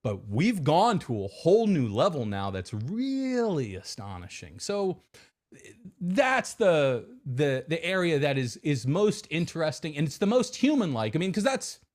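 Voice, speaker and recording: A man's voice: fairly high pitch, wildly swooping pitch, measured pace, darkish tone. A man in his forties, a technology executive guest on a podcast, talking casually with many repeated words and restarts. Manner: many repeated words and restarts, quotes hype voices mockingly. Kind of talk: casual interview answers.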